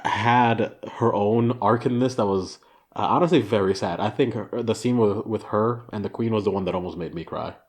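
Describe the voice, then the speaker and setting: A man's voice: fairly low pitch, normal speed, a little mellow. A man co-hosting a casual podcast chat, laid-back, laughing and swearing easily. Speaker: podcast co-host.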